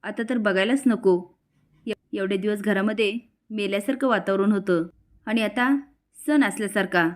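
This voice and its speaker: A scheming middle-aged aunt with a sharp tongue, firing off sarcastic questions, as a woman reading a serial recap puts her on. Her voice sits at an ordinary middle pitch. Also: moderate pace, lightly acted. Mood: needling.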